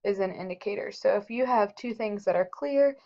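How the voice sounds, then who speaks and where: A woman chemistry teacher with a mid-range voice delivers a recorded lecture in lo-fi sound. She explains things slowly and steadily, with frequent ums and uhs.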